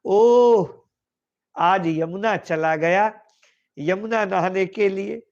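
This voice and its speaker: A man's voice: high-pitched, extremely slow, darkish tone, lo-fi sound, pitched below the performer's own voice, exaggerated voice. A man voicing Yashoda, a loving, anxious mother, who pleads with tearful repetitions.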